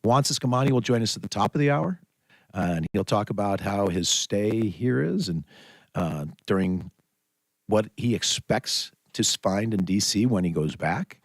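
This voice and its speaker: A man's voice: lowish voice, expressive, normal speed, no echo. An American man hosting a conversational morning radio talk show about local affairs, speaking into a close studio microphone.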